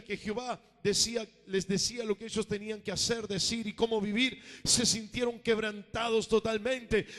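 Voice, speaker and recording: A high-voiced man preaches a fervent sermon from the pulpit. He pushes lines out loudly, then drops to a near hush, and keeps calling the room for an amen. His voice carries with a long church-hall reverb. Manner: emphatic preaching, calls for amen, swings between loud and hushed. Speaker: pastor. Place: church sanctuary.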